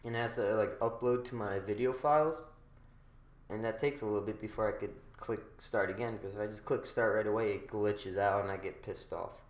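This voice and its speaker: A man's voice: on the low side, fairly even intonation, brisk. Slangy frat-bro young man, roomy echo. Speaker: gamer recording a gameplay video. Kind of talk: casual gameplay commentary. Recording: roomy echo, engine noise behind. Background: racing game car sounds.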